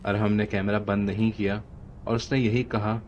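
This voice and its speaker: Male horror narrator, Pakistani Urdu accent, low and steady, on a muffled recording with slight hiss. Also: moderate pace. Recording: dull lo-fi audio with faint hiss.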